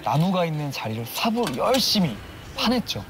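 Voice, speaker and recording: A man's voice: on the high side, sing-song. Man telling a ghost story over music. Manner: suspenseful, drawn-out pauses. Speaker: storyteller on a horror talk show. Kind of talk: dramatic ghost-story narration. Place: TV studio. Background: eerie background music.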